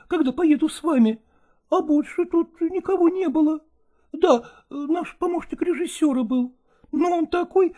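A male audiobook reader voicing an impulsive, eager young actress who talks in excited, pleading exclamations. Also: very high voice, voice pushed up.

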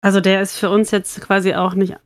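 A woman's voice: medium pitch, little pitch movement, brisk, dry recording. A woman at a tabletop game narrates what her character does, in a mid-range voice. The recording is dry and close, with no room sound. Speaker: player.

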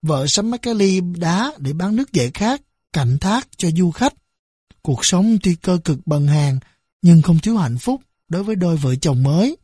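A narrator reading a story aloud in a steady, expressive manner. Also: medium pitch, moderate pace, breathy edge, no echo, studio quality.

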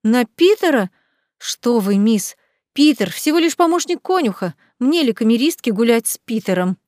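A woman voicing an excitable, chatty young female maid in a storybook reading, breathless and exclaiming. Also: a little high, moderate pace, dry recording, studio quality. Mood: eager.

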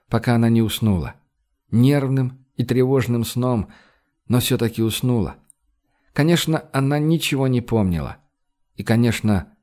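A man reading a novel aloud as narrator, in a steady, measured manner. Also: medium pitch. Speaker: audiobook narrator. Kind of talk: scripted narration.

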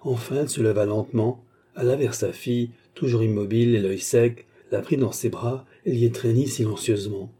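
A man reading a classic novel aloud as an audiobook narrator, in a measured, even way. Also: mid-range voice, husky.

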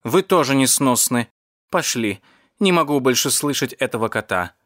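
A man's voice: mid-range voice, lively intonation, moderate pace, fairly bright tone, dry recording, studio quality, lightly acted. A man voicing a sentimental, easily tearful young woman in an audiobook. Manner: tearful, theatrical.

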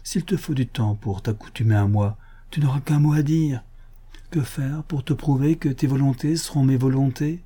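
A man reading aloud voices a gentle young fiancé who coaxes and reassures his bride. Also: mid-range voice, moderate pace, breathy edge, pitched above the performer's own voice, lightly acted. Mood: tender.

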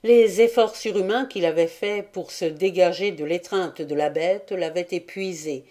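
Slow, steady woman audiobook reader. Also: fairly low pitch. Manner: steady, deliberate reading. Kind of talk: scripted narration.

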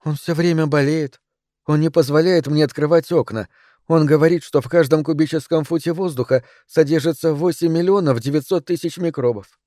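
A timid, worried wife, as a male reader puts her on, speaking softly and anxiously in a hushed voice. The reading is close-miked and dry, as in a storybook recording. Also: on the high side, fairly quick, no echo, lightly acted. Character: timid, worried small middle-aged wife.

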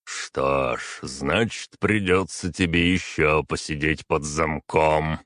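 A man's voice: very deep voice, steady tone, fairly bright tone, no room sound, studio quality, heavily acted. A man voicing a stern, unbending aging emperor who speaks curtly and commandingly to his daughter. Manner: curt, measured, commanding.

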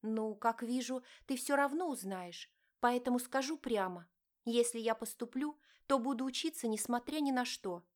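A woman's voice: fairly high pitch, normal speed, darkish tone, voice pushed up, close to an everyday voice. A woman voicing a young wife who is frightened yet defiant, speaking in a raised, agitated voice.

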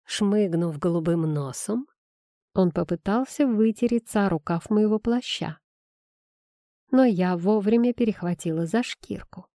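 Woman reading a fantasy audiobook, mellow low voice, calm and a bit ironic. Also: a little slow, no room sound, studio quality. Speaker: audiobook narrator. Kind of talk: first-person fantasy audiobook narration.

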